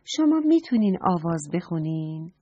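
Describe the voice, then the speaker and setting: A woman's voice: fairly low pitch, big pitch swings, warm tone, slightly rough, dry recording. A woman voicing a curious young boy who politely asks around about a birdsong, on a dull lo-fi recording. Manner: eager, polite questioning.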